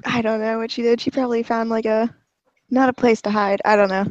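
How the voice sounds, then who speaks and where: A woman's voice: on the high side, steady tone, fairly quick, dry recording, dull audio. A woman playing a tabletop game, unsure and often laughing. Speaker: player.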